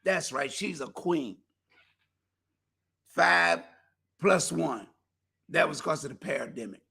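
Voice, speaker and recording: This solo community talk show host speaks slowly in a fairly high, slightly rough voice with vocal fry. He's promoting his show casually, folksy and preacherly, urging listeners on with animation while losing his voice.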